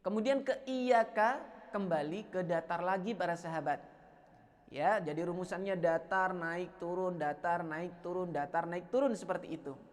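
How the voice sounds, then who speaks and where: A woman teaching Quran recitation melody, giving patient explanations between slow, drawn-out chanted demonstrations and encouraging her listeners. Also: fairly low pitch, long reverb tail. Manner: encouraging, addresses listeners as friends. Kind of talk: teaching tartil recitation melody, call and response.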